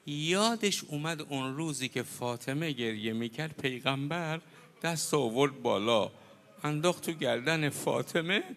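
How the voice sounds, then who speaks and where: A male preacher from Iran tells a mourning story in an impassioned sermon. His voice sits somewhat high and sounds bright and forceful as he acts out the dialogue and swells into lament. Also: lively intonation. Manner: impassioned, quotes figures in dialogue and builds to loud lament. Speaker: preacher reciting a mourning narrative.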